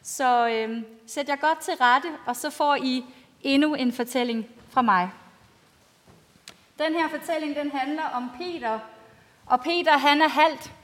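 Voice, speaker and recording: A woman's voice: high voice, a bit bright. A woman pastor giving a storytelling sermon to a congregation in simple, plainly spoken language. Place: large reverberant church, speaking to a congregation. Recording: long church-like hall reverb.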